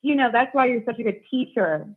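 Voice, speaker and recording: Phone-like, high-voiced woman rambling on a call. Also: lively intonation, slightly rough. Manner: rambling, halting, searching for words. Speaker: caller on a live stream. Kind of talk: casual political discussion. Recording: muffled, narrow phone-like call audio.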